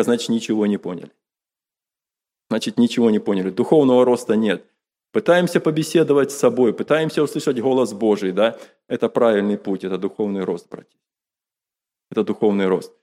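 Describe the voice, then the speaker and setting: A man's voice: mid-range voice, dark tone. A man preaching a sermon earnestly, repeating key phrases for emphasis and asking rhetorical questions. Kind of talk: sermon to a congregation.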